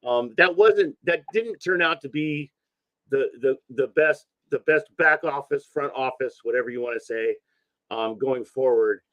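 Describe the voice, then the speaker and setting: A man's voice: mid-range voice, a little slow, no room sound, highs cut off. A man hosting a soccer interview show, asking rambling questions with many restarts and repeated words. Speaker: soccer podcast host.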